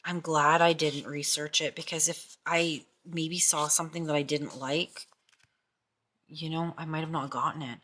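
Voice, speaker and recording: A woman's voice: deep voice, fairly even intonation, normal speed, a bit bright. A middle-aged woman chatting casually about tarot decks, gushing and often repeating herself. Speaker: tarot vlogger. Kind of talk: casual chat.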